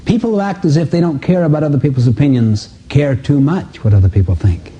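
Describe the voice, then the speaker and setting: Speaking quickly and expressively, this motivational seminar teacher has a voice on the high side, dark in tone and husky. He addresses an audience in a seminar room during a live self-help talk, emphatic, firing rhetorical questions and acting out dialogues. The recording is muffled, dull lo-fi.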